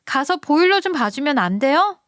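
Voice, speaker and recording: A high, whining young woman pleads and complains in a storybook radio tale, as a woman narrator puts her on. The voice sits well above the narrator's own and sounds close and dry. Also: sing-song, normal speed, a bit bright, no echo. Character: whiny young woman, sister-in-law.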